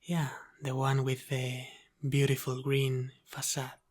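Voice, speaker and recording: A knowing, confident tone marks this man's role as a protective, teasing Italian-American mob boss in intimate ASMR roleplay. Soft, deliberate and drifting into whispers, his medium-pitched voice stays completely flat.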